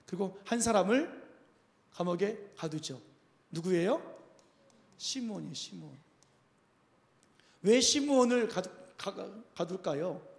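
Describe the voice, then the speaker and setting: A man's voice: high voice, animated, unhurried, creaky, pauses often. A male pastor preaching a sermon, emphatic and full of repeated questions to the congregation, in a church sanctuary. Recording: reverberant church hall.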